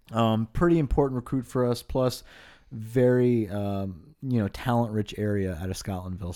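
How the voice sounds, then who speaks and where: A man, chatting casually about football recruits. He runs through names and positions with eager, rapid enthusiasm, like a podcast host deep in the details. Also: warm tone. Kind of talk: casual sports talk.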